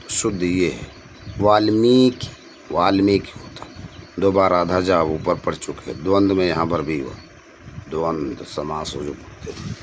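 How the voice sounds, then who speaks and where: A man's voice: low-pitched, normal speed, slight background noise. A male teacher going through exam spelling questions, reading each option aloud and repeating words to stress the correct one.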